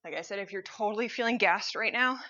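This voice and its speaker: A woman's voice: mid-range voice, fast, sharp tone, muffled recording. A woman fitness instructor cueing a cardio workout while she exercises, upbeat and encouraging.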